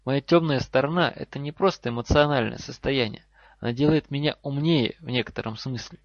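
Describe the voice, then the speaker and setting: Мужчина озвучивает умного упрямого мальчика-волшебника, говорит напряжённо и настойчиво; запись сухая, немного глуховатая. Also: male voice, medium pitch, a little fast, dry recording, close to an everyday voice. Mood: insistent. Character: clever defiant schoolboy wizard. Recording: slightly dull lo-fi recording.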